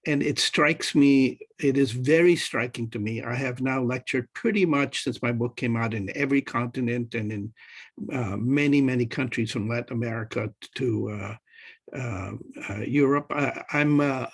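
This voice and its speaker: Husky man lecturing over a video call. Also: mid-range voice. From Pakistan. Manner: argumentative, lecturing, measured. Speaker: panelist economist. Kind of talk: academic panel talk.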